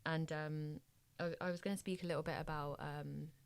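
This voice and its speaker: A woman's voice: sits low, fairly even intonation, normal speed, gravelly, clear, resonant tone. A young woman from Bangladesh co-hosting a podcast, talking in a thoughtful, reflective way and searching for her words. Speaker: podcast co-host. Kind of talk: casual podcast conversation.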